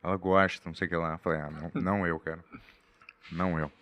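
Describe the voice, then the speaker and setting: A young man, a comedian, talking in casual podcast banter, animated and swearing and rambling through his points. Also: deep voice, quick pace.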